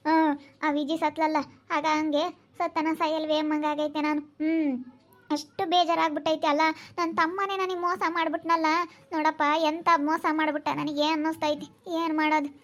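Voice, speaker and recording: A woman's voice: high voice, little pitch movement, fairly quick, natural voice. A woman playing a grieving village woman betrayed by her brother. She speaks with a rural central Karnataka accent, sighing and repeating her words. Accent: rural central Karnataka Kannada. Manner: lamenting, sighing, repetitive speech. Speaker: actor in a village family drama. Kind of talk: rural domestic drama acting.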